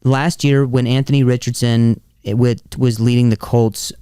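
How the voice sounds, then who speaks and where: A man co-hosting a casual sports podcast, telling stories and acting out quotes with lively energy. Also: mid-range voice, moderate pace, clear, resonant tone, no echo, clean studio sound. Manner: animated storyteller, acts out quotes. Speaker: podcast co-host.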